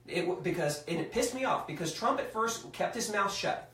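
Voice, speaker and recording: Male podcast host, fairly high voice, emphatic and argumentative, heard off-mic in a roomy space. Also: animated, normal speed, fairly bright tone, far from the mic. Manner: argumentative, emphatic, with frequent restarts. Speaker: show host. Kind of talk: casual live podcast chat.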